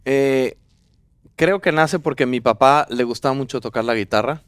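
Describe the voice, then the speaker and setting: A man in his thirties, a guest on a studio talk show, telling stories casually into a headset mic. His delivery is easygoing and unhurried. The sound is dry and close. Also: mid-range voice, smooth, no echo. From Tamaulipas, Mexico. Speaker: guest actor. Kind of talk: casual interview chat. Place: pink-decorated talk show studio set. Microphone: small headset mic.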